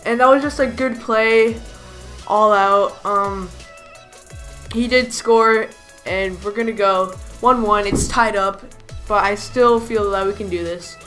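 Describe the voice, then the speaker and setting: A hoarse woman giving chatty, self-deprecating commentary over her own gameplay as a gaming YouTuber. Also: mid-range voice, steady tone, takes it slowly, a bit bright, faint music behind. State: hoarse, lost voice.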